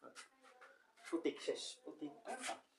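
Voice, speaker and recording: A man's voice: normal speed, recorded from a distance, slight background noise, poor audio. A young man teaching a recorded chemistry lecture, explaining step by step and asking the class questions, correcting himself as he goes.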